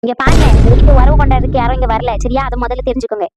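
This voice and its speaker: A woman's voice: a little high, very noisy, close to an everyday voice. A woman doing a feisty old mother-in-law. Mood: furious. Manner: scolding, combative, rapid. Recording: dull lo-fi dry audio.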